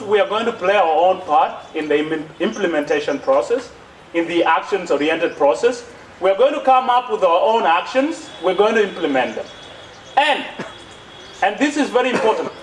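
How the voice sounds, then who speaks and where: At a conference plenary, a young adult youth speaker with an East African accent, born in South Sudan and raised in Kenya, delivers a passionate advocacy speech full of repeated phrases and rhetorical questions, in a high voice. He speaks from a podium on an outdoor stage beneath trees, picked up by a thin gooseneck microphone that sounds distant and echoey amid background noise.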